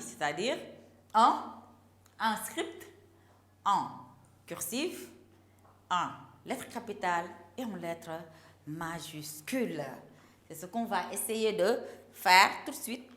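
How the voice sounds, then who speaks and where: Female schoolteacher, unhurried and patient, roomy classroom sound. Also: medium pitch, a bit bright. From Senegal. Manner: slow, drawn-out, repeating words for young pupils. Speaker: primary school teacher. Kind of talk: classroom teaching. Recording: echoey classroom.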